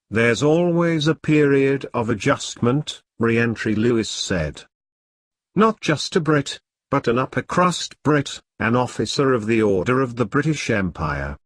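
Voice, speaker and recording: A man reads a news article aloud in a mid-range voice. The sound is close and dry, with no room around it. Quoted lines come out in the same steady narrating tone as the rest. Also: mid-range voice, dry recording. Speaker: news reader.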